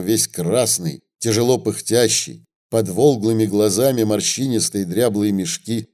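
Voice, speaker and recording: A man reading a historical novel aloud in measured storytelling narration. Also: on the low side, mellow. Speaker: audiobook reader. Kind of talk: scripted narration.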